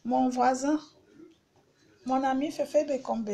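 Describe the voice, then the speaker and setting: Husky high-voiced woman ranting on a live stream. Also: fairly even intonation, slow, warm tone. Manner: blunt, repetitive, insulting. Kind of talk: casual live-stream rant.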